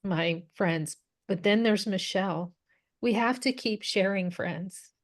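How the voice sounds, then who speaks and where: A woman's voice: medium pitch, slow. A woman hosting a group wellness call, speaking earnestly and encouragingly. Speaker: host and wellness coach.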